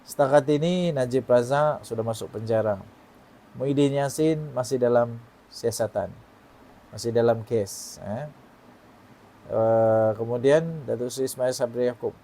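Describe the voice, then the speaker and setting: A man in his forties with a Malaysian Malay accent gives emphatic online political commentary, posing rhetorical questions to his viewers. His voice is medium-pitched and mellow, with a measured pace.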